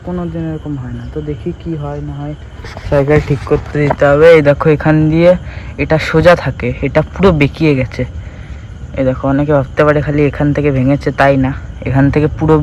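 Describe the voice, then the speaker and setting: In this casual daily vlog, a chatty young man fills his talk with fillers and addresses viewers as guys, moving between home and outdoors. His pitch is fairly high. The home recording has loud background ambience, cut-off highs, and a little hiss or hum.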